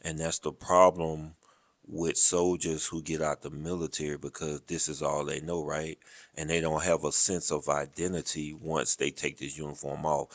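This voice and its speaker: A man in his thirties from the American South with a Southern drawl, talking slowly and evenly in a casual interview. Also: no room sound. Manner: slow, deep, even delivery. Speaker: Army noncommissioned officer, guest.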